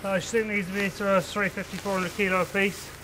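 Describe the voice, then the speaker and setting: A man's voice: high voice, level tone, fairly quick, noisy background. A man in his twenties, a stockman working on a farm, talking plainly and practically while out of breath. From England. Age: 20s. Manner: plain-spoken, practical, with rustic grammar. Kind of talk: casual explanation while working. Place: outdoors at a farm barn.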